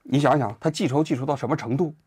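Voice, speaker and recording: Male commentary host, lively rhetorical delivery, husky tone, dry close-mic sound. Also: mid-range voice, quick pace, no room sound. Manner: animated, full of rhetorical questions. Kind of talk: casual commentary monologue.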